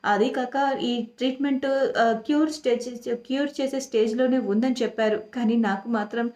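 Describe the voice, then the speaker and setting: A woman's voice: fairly high pitch, steady tone, a little fast, darkish tone, lightly acted. A woman voicing a worried young husband in a TV serial recap, strained and trying to reassure. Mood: strained, reassuring. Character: worried young husband hiding bad news. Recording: echoey room.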